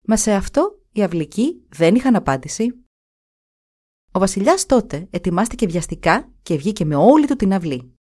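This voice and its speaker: A woman narrating a fairy tale in an expressive, animated way. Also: mid-range voice. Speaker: storyteller.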